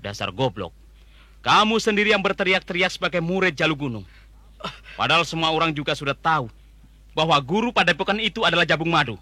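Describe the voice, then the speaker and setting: An imperious radio-drama military chief with a fairly high, forceful voice. He is scornful and menacing, giving orders deliberately in a dry, close sound. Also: lively intonation, no echo. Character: commanding, haughty male high army leader, contemptuous and menacing. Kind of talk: Indonesian radio drama acting.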